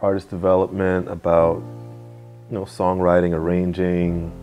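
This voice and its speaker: A man's voice: low voice, dull audio. A young man from Nigeria, a music producer, talking casually in an interview in a music studio, often saying "you know". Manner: relaxed, fills pauses with "you know".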